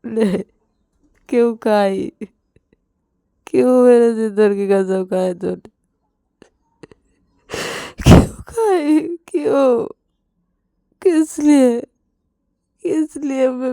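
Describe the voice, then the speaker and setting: Woman voicing a sobbing young guy, high and slow, gravelly, scared. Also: dark tone, no echo, studio quality, heavily acted. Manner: sobbing, pleading. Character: tearful frightened young man. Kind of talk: storybook role-play.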